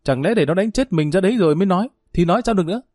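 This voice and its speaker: A man voicing a sharp-tongued, quarrelsome older aunt in a spoken family drama. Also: medium pitch, animated, no echo, studio quality, lightly acted. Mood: indignant. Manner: harsh, berating, rapid tirades.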